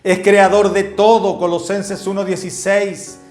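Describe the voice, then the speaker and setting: A man's voice: high voice, little pitch movement, measured pace, darkish tone. A male pastor preaching a doctrinal sermon and citing Bible verses one after another. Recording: echoey room with faint music.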